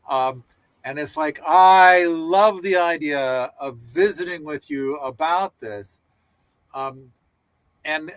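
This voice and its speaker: A man hosting a casual discussion, speaking slowly and eagerly with plenty of restarts and asides. His voice sits a little high, and the sound is close and dry. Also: a bit bright, dry recording. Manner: enthusiastic, rambling with many restarts. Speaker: host.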